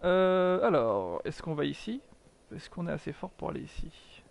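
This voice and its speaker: A man's voice: fairly high pitch, sing-song, normal speed, gravelly, a little hiss or hum. A man giving chatty live commentary while streaming a video game, mocking himself, swearing often and answering his chat.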